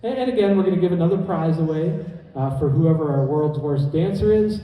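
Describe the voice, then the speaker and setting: A man's voice: fairly high pitch, a little fast, mellow. A man hosting a live comedy hypnosis show on stage, giving the audience and participants repeated, simple instructions. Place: indoor conference hall stage. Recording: echoey hall PA, heard from far off.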